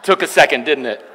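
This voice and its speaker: A man's voice: a little high, bright, forceful tone, husky. A man in his thirties preaching a sermon as pastor, joking and chatting with the congregation in asides, from a church stage. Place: church sanctuary. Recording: long church hall reverb.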